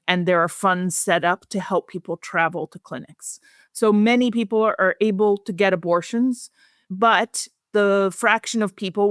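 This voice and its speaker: A woman appears as an expert guest in a research interview, explaining things plainly and at a measured pace in a mid-range voice. The recording is dry, with clean studio sound.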